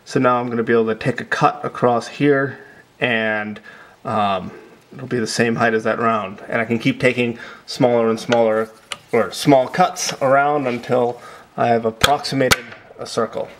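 A middle-aged man walks through a workshop build as he works, informal, hesitant and a bit self-deprecating. He speaks at normal speed in a medium pitch with fairly even intonation, faint workshop noise behind him indoors.

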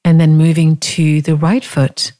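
A woman guides a body scan meditation, speaking calmly, gently and without hurry, with long pauses. Her voice is low.

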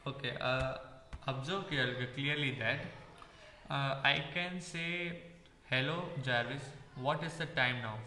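A man walking through a coding tutorial, explaining in a halting way with many fillers. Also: medium pitch, fairly even intonation, pushed and bright, a little hiss or hum. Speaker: coding instructor. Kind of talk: screen-recorded coding tutorial. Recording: echoey room with long reverb.

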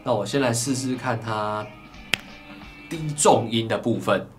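A man with a Taiwanese Mandarin accent and a fairly low pitch hosts a casual gadget unboxing review as a tech reviewer. He's chatty, full of drawn-out sentence-final particles, and is recorded on a camera microphone with background music playing.

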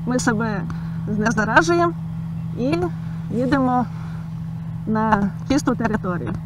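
A woman's voice: on the high side, animated, heavy background noise. Woman talking through a gas mask. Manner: halting, with many "e" fillers. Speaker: tank crew member. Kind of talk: on-camera explanation.

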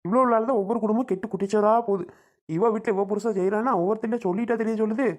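Brief: woman as a harsh, bossy rural husband, rapid-fire scolding. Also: medium pitch, natural voice. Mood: angry. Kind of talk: homemade village comedy skit.

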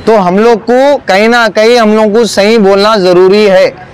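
High-voiced man with a Hyderabadi accent. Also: steady tone, a little slow, smooth. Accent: Hyderabadi Hindustani. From Hyderabad, India. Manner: earnest, pleading. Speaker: eyewitness. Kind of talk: street interview.

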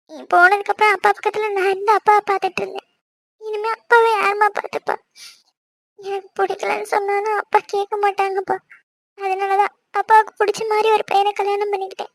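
A woman's voice: very high-pitched, fast talker, a bit bright, no room sound. A woman voicing a young bride and elder sister, bossy with her brother and tender toward her father. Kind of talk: cartoon voice acting.

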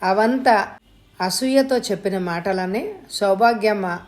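A woman narrating a family story as an audiobook reader, with even, measured delivery. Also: mid-range voice.

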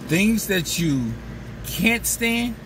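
A man's voice: high-pitched, animated, very slow, distant mic, background noise. A man talking through a casual, profane, rambling comedic monologue as a vlog host, slipping into mocking voices. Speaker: vlogger host.

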